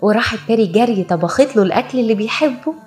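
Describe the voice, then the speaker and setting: Fast-talking Egyptian woman narrator. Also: on the high side, animated, a little mellow. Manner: rapid, chatty, with wry asides. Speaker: film recap narrator. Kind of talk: casual storytelling recap.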